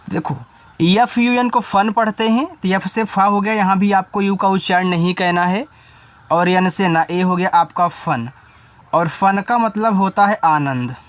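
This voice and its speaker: Speaking a little slowly in a mid-range voice, an English teacher works through spelling step by step. The teacher spells each word letter by letter, then explains it informally straight to the learner.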